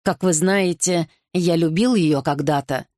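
A woman's voice: lowish voice, a little slow, a little mellow, no echo, clean studio sound, lightly acted. A woman reader voicing a young, frightened male poet who answers timidly and apologetically.

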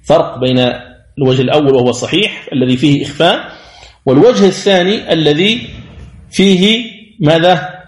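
Male tajwid teacher, fairly high voice, deliberate and patient, echoey room. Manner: slow, deliberate explanation with drawn-out recited examples. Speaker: Quran recitation teacher. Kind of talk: tajwid lesson commentary.

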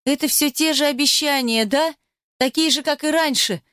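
A woman's voice: high-pitched, moderate pace, a bit bright, no room sound, studio quality, pitched above the performer's own voice. A woman reading a novel aloud and voicing a distraught young bride in tearful, pleading outbursts. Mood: tearful anger. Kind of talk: audiobook character voice.

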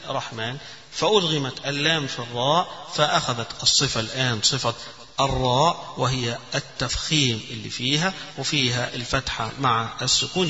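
A man's voice: mid-range voice, sharp tone. A man with an Egyptian Arabic accent, teaching a religious text. He reads passages aloud, explains them step by step, and demonstrates the correct recitation. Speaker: Islamic scholar teaching a fiqh text. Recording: echoey hall, dull lo-fi sound.

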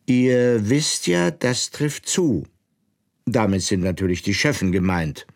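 A man voicing a pompous, fussy old king of cards, self-satisfied and quick to take offence, in a storybook reading. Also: fairly low pitch, vocal fry.

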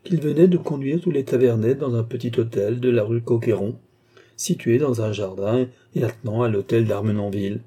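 A man reading aloud voices a phlegmatic, gluttonous nobleman who answers in unhurried, flat replies. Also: mid-range voice, husky, lightly acted.

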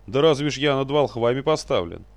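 Guy doing sulky stubborn captain, slow drawl, kinda gloomy. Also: mid-range voice, animated, no room sound, voice pushed up, close to an everyday voice. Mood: sullen.

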